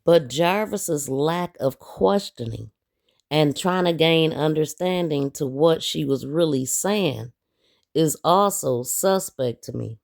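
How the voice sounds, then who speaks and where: Low-voiced, slow-talking woman commentator. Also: animated, creaky, a little mellow. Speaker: YouTube commentator. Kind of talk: casual true-crime commentary.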